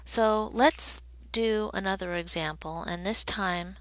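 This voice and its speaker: This woman's voice is mid-range and fairly bright, recorded without echo but in low quality. Teaching a statistics lesson on tape, she draws graphs and explains step by step in a slow, deliberate manner.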